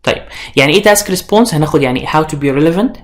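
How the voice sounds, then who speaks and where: A man's voice: fairly high pitch, expressive, rapid-fire. A young man with an Egyptian Arabic accent, giving an online course introduction as an IELTS instructor and mixing English terms into his Arabic, with frequent fillers and restarts.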